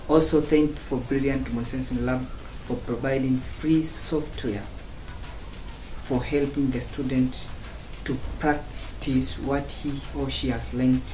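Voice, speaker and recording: A man from Tanzania, giving a student testimonial in slow, halting phrases broken into short chunks. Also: medium pitch, darkish tone. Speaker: former student giving a review. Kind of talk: spoken testimonial. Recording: roomy echo, faint background noise.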